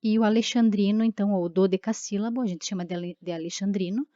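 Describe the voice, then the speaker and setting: A woman's voice: mid-range voice, steady tone, fast talker, mellow, no echo, lo-fi sound. A woman teacher giving a recorded lesson, explaining step by step with frequent tag questions and fillers.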